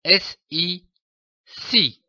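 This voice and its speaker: A man teaching a reading lesson, spelling out syllables slowly and clearly with emphatic delivery. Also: high voice, pushed and bright, no room sound, dull audio. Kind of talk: slow, deliberate reading lesson.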